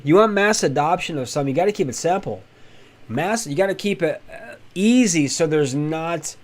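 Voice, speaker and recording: A man hosting a casual live stream, talking candidly and with strong opinions to his chat, rambling with frequent restarts. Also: fairly high pitch. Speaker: host of a crypto live stream.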